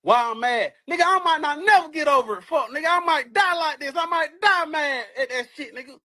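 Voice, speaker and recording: Man with a high voice, furious and venting, profane and repetitive, loud then low. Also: animated, fairly quick. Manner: heated, profane, repetitive, jumps between shouting and muttering. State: angry. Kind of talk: angry rant.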